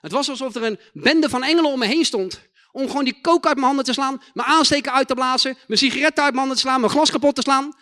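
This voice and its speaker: A man preaching a testimony sermon in slangy, emphatic talk, repeating his phrases and building to loud proclaiming. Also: very high voice, quick pace.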